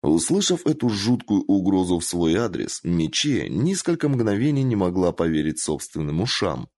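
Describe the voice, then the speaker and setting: A man narrating a story in an expressive, lively storytelling manner. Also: sits low, normal speed, no room sound. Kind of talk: audiobook narration.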